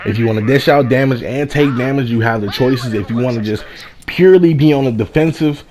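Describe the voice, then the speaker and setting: A man's voice: mid-range voice, brisk, a little mellow. A man giving a casual first-impressions game review, repeating and rephrasing himself for emphasis. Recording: background noise behind the voice.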